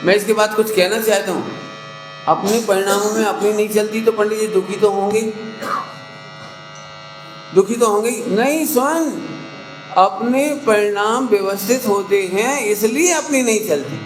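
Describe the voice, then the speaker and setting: A man giving a conversational sermon to a gathering, acting out scolding parents and quoted people in a sharp rising voice. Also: high voice, moderate pace, faint music behind. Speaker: Jain preacher. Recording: echoey hall, faint hum.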